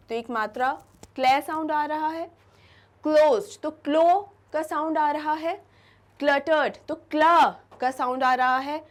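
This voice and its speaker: A woman teaching an English lesson to students, explaining in Hindi mixed with English, slowing down and repeating example words for emphasis. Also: high-pitched. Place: classroom-style studio lesson.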